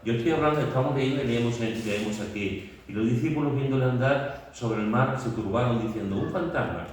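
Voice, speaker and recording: A man's voice: mid-range voice, fairly quick. A man leading a Bible study, telling the story vividly with many fillers and restarts. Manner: vivid storytelling, acting out scenes with shouts and sound words. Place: church meeting room. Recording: very echoey room, mic far off.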